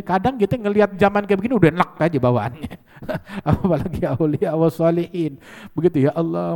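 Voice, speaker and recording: Animated man preaching. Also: fairly high pitch, gravelly, long reverb tail. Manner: animated storyteller who acts out quoted voices, sprinkling Arabic phrases. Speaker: religious preacher. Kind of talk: sermon with storytelling.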